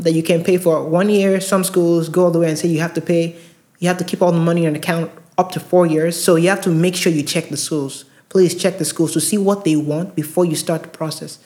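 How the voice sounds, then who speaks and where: Earnest man giving emphatic advice. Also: a little high. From outside the US. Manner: earnest, emphatic, repeats phrases for stress. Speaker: podcast host advising premed students. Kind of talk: casual advice monologue. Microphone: handheld recorder mic.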